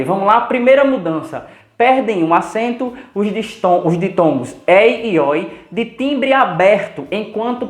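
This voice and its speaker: A woman with a Brazilian Portuguese accent teaching an exam-prep grammar lesson, posing students' questions to herself and slowing down to spell out example words. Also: mid-range voice, roomy sound. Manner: didactic, asks herself students' questions and answers them.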